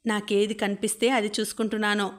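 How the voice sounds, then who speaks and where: A woman's voice: medium pitch, flat delivery, fast, close to an everyday voice. A woman reading the lines of a defiant young college woman who answers in a firm, cutting way, in a spoken storybook.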